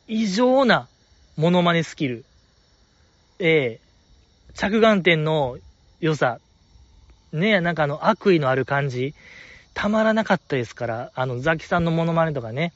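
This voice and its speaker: A man with a Kansai accent rambles through a casual fan-chat podcast, his pitch leaping about with eager enthusiasm. The sound is dull and lo-fi, recorded very dry with no room in it. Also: dry recording. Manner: enthusiastic, rambling, lots of fillers. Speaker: podcast host reading listener letters.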